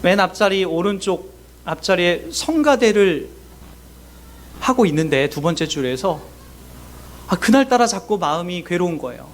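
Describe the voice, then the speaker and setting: A man's voice: high-pitched, expressive, normal speed, pauses often. A middle-aged man preaching a sermon as pastor, earnest and emotional, acting out quoted voices.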